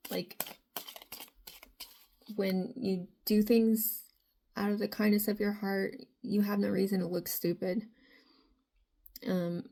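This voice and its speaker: A woman with a raspy, mellow voice reads tarot for her viewers, staying within a narrow, even pitch. She rambles from one thought to the next, using frequent filler phrases.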